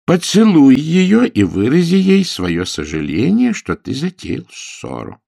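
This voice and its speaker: A man voicing a strict, commanding old female governess in an audiobook, with slow, drawn-out scolding commands. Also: fairly high pitch, wildly swooping pitch, vocal fry, dark tone, husky, no room sound, clean studio sound, pitched above the performer's own voice, heavily acted. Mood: stern. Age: older. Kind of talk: audiobook character voice.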